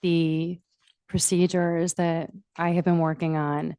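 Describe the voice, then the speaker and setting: Mellow, lowish-voiced woman chairing a meeting. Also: little pitch movement, takes it slowly, clear, resonant tone, no echo. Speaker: township supervisor chairing a board meeting. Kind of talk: formal meeting remarks.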